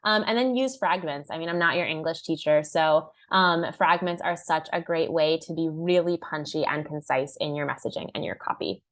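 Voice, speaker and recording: Young woman, workshop presenter: low-ish voice, casual and upbeat, lots of "like". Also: moderate pace, hardly any pauses, a bit bright. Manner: upbeat and conversational, heavy use of "like"; acts out clients' and buyers' lines in a raised voice. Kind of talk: online class presentation.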